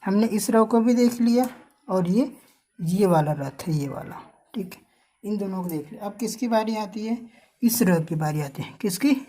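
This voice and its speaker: This woman teaches learners to spell names, slowly drawing out each letter and putting quiz questions to the viewer. Her voice sits at medium pitch with lively intonation, a dark tone and a breathy edge.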